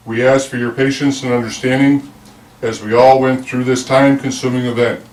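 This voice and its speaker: A man with a lisp and whistling s, giving a formal prepared address as chair of a local board meeting. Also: mid-range voice. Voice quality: lisp from a dental appliance, whistling s. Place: indoor village board meeting room. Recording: roomy, distant meeting-room microphone.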